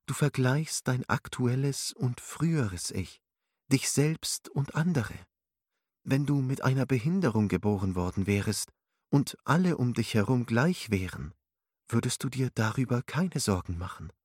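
A man voicing a calm, wise woman who counsels with soothing, gently instructive words. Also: mid-range voice, measured pace, slightly rough, no room sound, studio quality. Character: calm, wise older female spiritual counselor.

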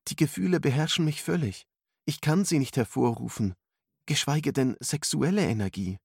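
A man's voice: fairly high pitch, moderate pace, vocal fry, darkish tone, breathy edge, no room sound, clean studio sound, voice pushed up. A man voicing an anxious young woman. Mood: hesitant. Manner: anxious, fretful. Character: young woman, nervous and self-doubting.

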